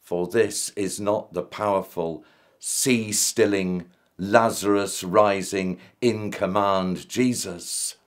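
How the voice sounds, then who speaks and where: Slow, solemn man reading a reflection. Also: on the low side, fairly even intonation. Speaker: Methodist minister. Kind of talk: scripted devotional reflection.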